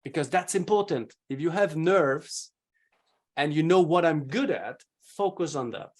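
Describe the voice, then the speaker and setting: A man speaking as a video presentation coach, answering interview questions in an energetic, emphatic way with shifting loudness. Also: on the high side, a little slow.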